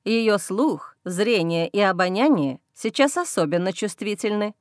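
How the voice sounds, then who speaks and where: A woman reading an audiobook voices a plump, gentle female werewolf who speaks softly and calmly. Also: medium pitch, dry recording, clean studio sound, voice pushed down, close to an everyday voice. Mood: timid. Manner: soft, measured.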